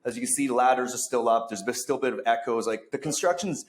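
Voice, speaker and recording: In an echoey bar that's still under construction, a podcast host chats casually, rambling with lots of fillers and restarts. His medium-pitched voice moves at a quick pace.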